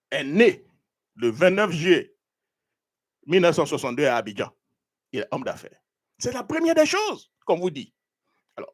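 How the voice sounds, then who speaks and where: A man hosting a live talk show, giving indignant political commentary while looking things up online. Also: on the high side. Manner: animated, indignant, searching online while talking. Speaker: show host.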